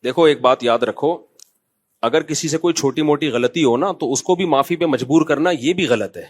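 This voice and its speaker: A man preaching in a Pakistani Urdu accent, his voice sitting a little higher than most men's. He talks in a loose, conversational way, mixing anecdotes with gentle scolding. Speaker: mufti giving a religious talk. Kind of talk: informal sermon.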